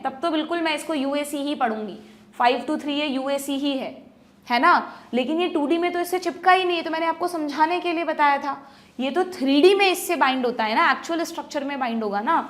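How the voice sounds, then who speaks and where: A woman biology teacher giving an exam-prep lecture, explaining step by step, calling her students children and often checking that they follow. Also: high-pitched. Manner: addresses students as children, mixes English terms into Hindi.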